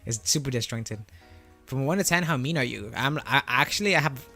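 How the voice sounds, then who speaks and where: Speaking through a voice changer, this livestreamer has a bright, forceful, mid-range voice and an animated, fairly quick delivery. He chats casually with his viewers about a fighting game, explaining as he goes and checking in with "right?" and "you know?" over background music.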